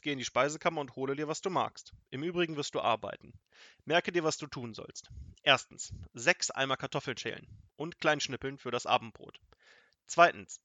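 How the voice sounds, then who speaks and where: A man's voice: mid-range voice, no echo. A man voicing a pompous, short-tempered male wizard in a storybook reading, barking orders impatiently. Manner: bossy, impatient, shouts orders.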